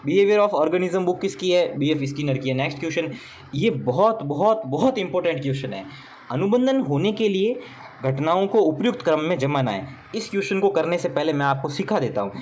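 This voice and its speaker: A man's voice: on the high side, lively intonation, brisk, a little mellow, slight background noise. A young man, teaching through an exam paper in a chatty, joking way, often checking in with his students. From Rajasthan, India. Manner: chatty, joking asides, repeats "theek hai na". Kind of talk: recorded exam paper walkthrough.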